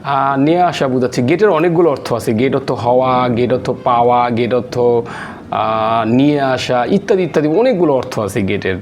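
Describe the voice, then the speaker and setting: A man's voice: medium pitch, normal speed, a little hiss or hum. A man teaching an English lesson to children, asking and answering his own questions as he translates phrase by phrase.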